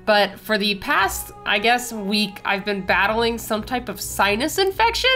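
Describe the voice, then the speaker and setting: With soft music behind her, a young woman chats over her drawing for a casual art channel, slightly congested and nasal from a cold. Her medium-pitched voice is pushed and bright, with lively intonation and a measured pace. She drifts through rambling, chatty fan talk.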